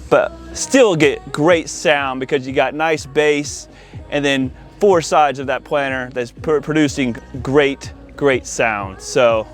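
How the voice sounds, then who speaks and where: An audio-video installer presents for his company's channel, casually showing off a product outdoors in a backyard and addressing viewers conversationally. He speaks slowly in a mid-range voice, with music in the background.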